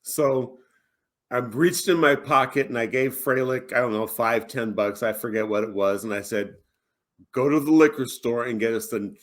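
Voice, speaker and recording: Brief: male ex-cop, relaxed and measured storyteller, mid-range voice. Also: medium pitch. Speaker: retired police officer. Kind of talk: casual storytelling.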